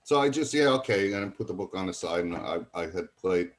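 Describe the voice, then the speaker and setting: This low-pitched, animated voice belongs to an older guest musician from College Point, New York, talking fairly quickly over a little hiss or hum. In a casual interview, he wanders through anecdotes and imitates the people in them.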